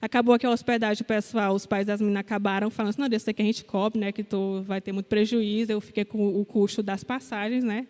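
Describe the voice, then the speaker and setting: A woman's voice: mid-range voice, fairly even intonation, fast, hardly any pauses, a little mellow. A young woman from Brazil giving an earnest, conversational testimony at a church service, with many fillers. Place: church hall. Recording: long echo of a church hall.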